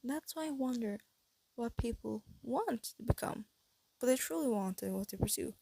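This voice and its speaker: A teenage girl rambling in a casual vlog with a breathy voice and a stuffy nose, talking through retainers and hesitating often as she thinks aloud into a close phone mic. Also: on the high side, animated, moderate pace, warm tone, dry recording. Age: teens. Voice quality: breathy, slight lisp from wearing retainers. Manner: hesitant, thinking aloud with many fillers and restarts. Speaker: vlogger. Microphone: phone held close.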